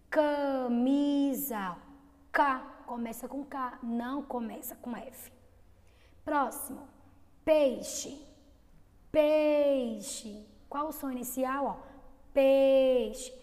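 A woman teaching young children in an online lesson, with a Brazilian accent, stretching out syllables slowly. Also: high voice, mellow, big-room sound. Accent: Brazilian Portuguese. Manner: slow, drawn-out syllables for children. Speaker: kindergarten teacher.

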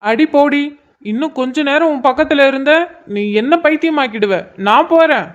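A woman's voice: high-pitched, normal speed, dull audio, close to an everyday voice. A woman voicing an exasperated young college man in a cartoon, pleading and groaning as his girlfriend nags him. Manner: pleading, put-upon groaning. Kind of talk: cartoon voice acting.

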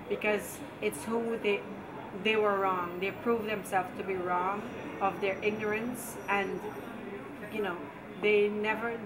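A young woman with a Guyanese accent giving poised, deliberate, emphatic pageant answers in an interview. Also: medium pitch. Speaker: pageant contestant being interviewed. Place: seated before a draped backdrop with potted plants. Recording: loud background noise, ambient sound.

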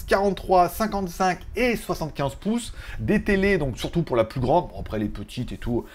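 A man's voice: mid-range voice, a little mellow. A man hosting a casual tech news vlog, rambling in a chatty way with joking asides. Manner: chatty, joking asides, laughs at own jokes.

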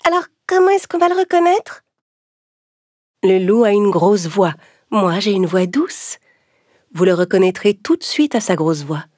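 Casting : une femme pour une mère chèvre bienveillante de dessin animé, voix douce. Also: female voice, mid-range voice, big pitch swings, a little slow, pauses often, no room sound, clean studio sound. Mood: prévenant. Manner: soft, protective. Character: gentle caring mother goat.

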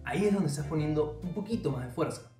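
High-voiced man teaching guitar. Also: fast talker, reverberant, distant mic. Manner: relaxed, explains step by step, addresses viewer directly. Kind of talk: casual video lesson. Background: faint guitar playing.

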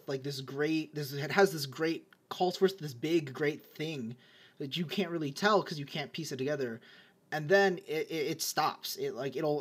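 A husky, slightly high-pitched young man running a tabletop game online. He narrates magic and rulings in a loose, stumbling way, often backing up to restart his sentences. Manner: rambling, stumbling descriptions with many restarts. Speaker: game master.

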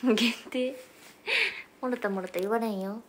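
A woman's voice: a little high, normal speed, slight background noise. A young woman from western Japan hosting a casual livestream, chatting with viewers and mixing regional dialects as she talks. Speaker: idol livestream host.

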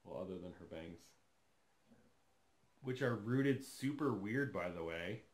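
Expressive and a little slow, this man's low voice accompanies a casual doll unboxing. In his thirties, he vlogs as a doll collector from the sofa in his living room, excited and talking through his thoughts as he goes.

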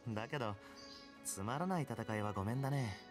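Man as suave young anime game ace, medium pitch, polite, confident, subtly menacing, faint music. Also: natural voice. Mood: coolly menacing. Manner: smooth, courteous, unhurried phrasing with cool confidence. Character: suave, self-assured young male top-ranked gamer, politely menacing. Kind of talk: Japanese anime game voice acting.

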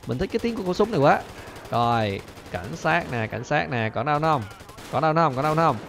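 A man hosting a gaming channel, chattering excitedly to viewers as he plays and repeating his phrases, with faint game gunfire behind him. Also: fairly high pitch, very fast, gravelly, a little hiss or hum. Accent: Vietnamese. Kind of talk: excited gameplay commentary.

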